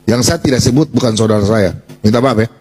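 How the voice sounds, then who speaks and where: A man's voice: medium pitch, fast talker, a little mellow, husky. A man hosting a heated online debate, confrontational, hurling insults and repeating himself. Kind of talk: heated live voice-chat debate. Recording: noisy voice-chat audio.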